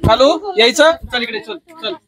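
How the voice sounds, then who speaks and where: A woman's voice: high voice, lively intonation, normal speed, a bit bright, rough recording. A woman coaxing a pet crow to speak, repeating single words in a sing-song, patient way. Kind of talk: coaxing talk to a pet bird.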